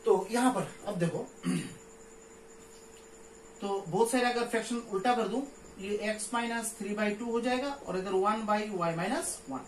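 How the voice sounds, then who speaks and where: A man's voice: high voice, slow. A man teaching a maths lecture, walking through each step and often checking understanding with rhetorical questions. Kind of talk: recorded classroom lecture. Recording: echoey room with faint ambient noise.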